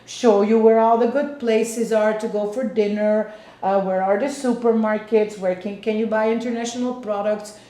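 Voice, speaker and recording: A woman's voice: mid-range voice, fairly even intonation, normal speed, warm tone. A woman in her fifties from Belgium, a real estate agent interviewing clients in a casual chat, explaining at length with many restarts. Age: 50s. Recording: echoey room.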